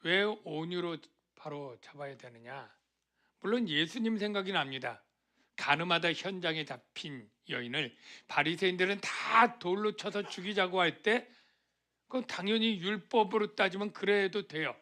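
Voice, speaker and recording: Male pastor, middle-aged, slightly high and bright timbre, chatty question-asking sermon delivery. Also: moderate pace. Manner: conversational preaching, asks the congregation questions, acts out quoted voices. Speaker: senior pastor.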